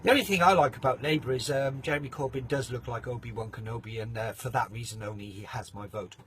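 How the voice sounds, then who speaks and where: A man's voice: medium pitch, fast, fairly bright tone, slight background noise. A man vlogging casually, ranting in a mocking, opinionated way and sometimes talking with his mouth full.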